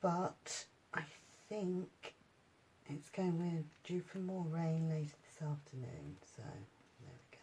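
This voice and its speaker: A woman demonstrating paper crafts at home, chatting in a relaxed way and thinking aloud with many ums. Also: low-pitched, slow, slight background noise. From United Kingdom. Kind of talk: casual craft tutorial.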